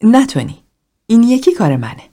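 A woman reading a gentle but firm older male group therapist, speaking in a soft, reassuring, coaxing way. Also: a little high, big pitch swings, voice pushed up.

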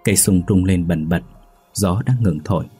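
A man narrating a ghost story in a steady, measured reading voice. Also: low-pitched, breathy edge, faint music behind.

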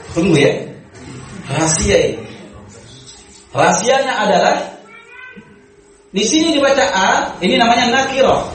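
A man giving a religious study lecture, explaining grammar step by step and quizzing his audience with short checks, chuckling often. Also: very high voice. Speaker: Islamic religious teacher. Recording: very echoey room, voice from far off, faint background noise.

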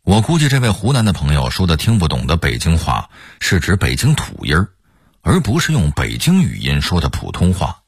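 A man's voice: deep voice, wildly swooping pitch, fairly quick, husky, no room sound, studio quality. A man presenting a scripted radio talk, explaining word pronunciations and saying example words aloud.

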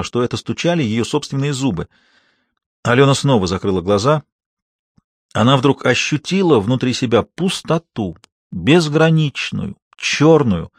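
A man narrating an audiobook thriller in a steady, tense storytelling manner. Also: medium pitch, no room sound, studio quality. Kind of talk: scripted narration.

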